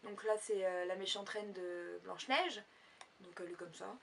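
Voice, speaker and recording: A woman's voice: mid-range voice, steady tone, normal speed, gravelly, a bit bright, distant mic, a little hiss or hum. A woman chatting casually in a shopping haul vlog, rambling with lots of fillers. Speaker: vlogger.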